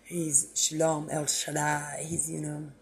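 A woman's voice: low voice, monotone, slow, vocal fry. A woman host delivering a rambling, preachy spiritual monologue on her own channel, meandering and self-deprecating.

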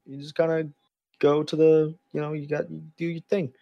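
Slightly high and edged with vocal fry, a podcast co-host speaks at a normal pace in a dry recording whose highs are cut off. He rambles through a casual comedic chat, restarting mid-sentence and joking in an animated way.

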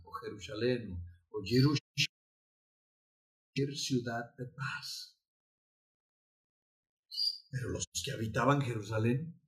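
A man preaching a sermon as pastor, emphatic and repetitive, with sudden loud outbursts. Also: mid-range voice. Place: church altar.

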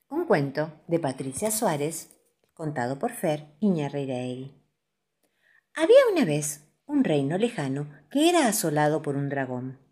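An Argentine woman reading children's stories aloud in a soft, expressive way. Her voice is fairly low but moves up and down with lots of life as she tells each tale. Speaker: storyteller. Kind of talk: children's story narration.

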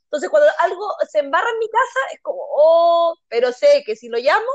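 A woman with a Chilean accent, co-hosting a casual chat and telling funny family stories with lively acted-out quotes. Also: very high-pitched, brisk, no room sound, lo-fi sound. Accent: Chilean Spanish. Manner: animated, acts out quotes, laughs often. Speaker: podcast co-host.

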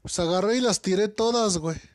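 Slangy Mexican guy with a high voice. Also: brisk, dry recording. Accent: Mexican Spanish. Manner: slangy, laughing, peppers talk with "güey". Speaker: storyteller in casual chat. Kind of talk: casual chat.

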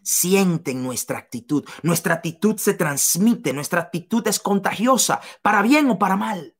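A woman's voice: fairly low pitch, expressive, moderate pace, husky. A woman giving a motivational seminar talk to business leaders, emphatic and repeating key phrases to the listener.

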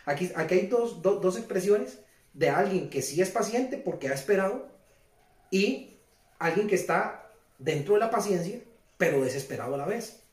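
A man's voice: high voice, animated, moderate pace. A man preaching a conversational sermon who keeps asking his listeners questions and repeats his phrases. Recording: roomy, distant mic.

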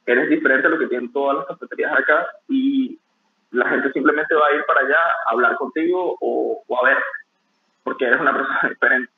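A man's voice: mid-range voice, fairly quick. Man on a tinny call. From Venezuela. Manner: relaxed, rambling, with many restarts. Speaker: barista guest. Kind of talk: casual interview conversation. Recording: tinny phone-like call audio.

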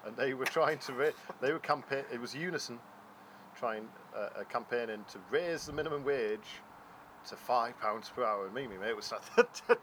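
A man's voice: mid-range voice, normal speed, fairly bright tone. A middle-aged man with a County Durham accent from North East England, bantering casually and jokily. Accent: County Durham, North East English. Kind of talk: casual chat. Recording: noisy outdoor street with traffic.

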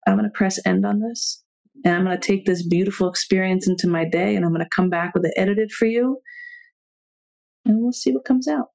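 A woman's voice: mid-range voice, fairly quick, vocal fry, a little mellow, low-quality recording. A woman hosting a podcast, closing a heartfelt conversation with her guest. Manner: heartfelt, searching for words. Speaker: podcast host. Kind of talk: emotional conversation.

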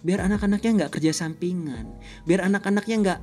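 A man, hosting a podcast and telling a personal story in a casual, animated way, chuckling often. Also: high voice, fairly quick, faint music behind. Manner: animated, chuckles often, acts out quoted voices. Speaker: podcast host.

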